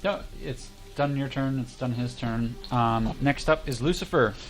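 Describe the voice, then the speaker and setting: A man's voice: medium pitch, a little slow. A man running a tabletop role-playing game, narrating and calling rules casually. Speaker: game master. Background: music.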